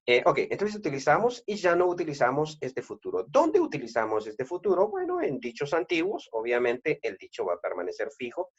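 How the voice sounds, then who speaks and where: A man with a Guatemalan accent giving a video lesson on grammar, explaining slowly with many "eh" fillers and restarts. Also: fairly high pitch, huge pitch swings, breathy edge, dull audio. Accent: Guatemalan Spanish. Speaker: Spanish grammar teacher.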